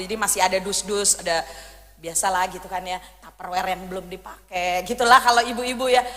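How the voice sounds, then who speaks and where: A woman in her thirties preaching a sermon, telling a personal story in a lively way and acting out her own pleas. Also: mid-range voice. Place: church hall. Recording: long church hall reverb.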